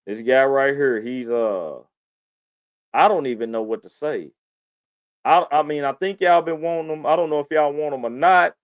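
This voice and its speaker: A man hosts a podcast at medium pitch and normal speed, with clean studio sound and no echo. His talk is casual and slangy, full of "man" aimed at the listener and "you know what I'm saying."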